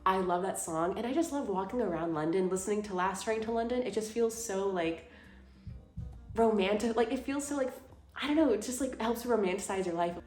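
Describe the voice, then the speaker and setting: A woman's voice: mid-range voice, brisk, a little mellow. A woman, chatting casually about her favorite things of the month, gushing and full of fillers. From Houston, Texas. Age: 20s. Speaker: vlogger. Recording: roomy sound with faint music.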